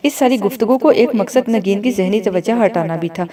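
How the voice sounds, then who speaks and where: A woman's voice: mid-range voice, a little fast, a crowd in the background. Woman narrating an audio novel. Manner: steady storytelling.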